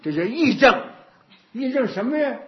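Here the same kind of dharma talk comes from a man with a very high, very animated voice moving at ordinary speed. This Buddhist teacher spins stories, says things more than once, and asks questions he doesn't expect answered, all on muffled lo-fi audio.

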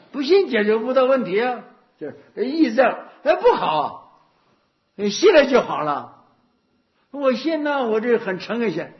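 Buddhist teacher, male, animated and higher-pitched delivery, anecdotal sermon style, lo-fi recording. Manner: anecdotal, repetitive, rhetorical questions. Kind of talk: dharma talk. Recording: dull lo-fi recording.

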